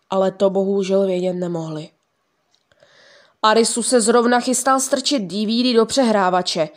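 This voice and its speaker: A woman reading a scripted horror story in a calm storytelling delivery. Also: medium pitch. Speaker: narrator.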